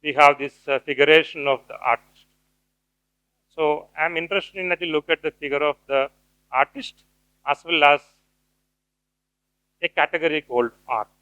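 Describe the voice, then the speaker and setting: A middle-aged man giving an academic lecture, pausing often with fillers and restarts. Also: fairly high pitch, bright, forceful tone, no echo, lo-fi sound. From India. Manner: hesitant, many fillers and restarts. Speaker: guest speaker, cultural theorist.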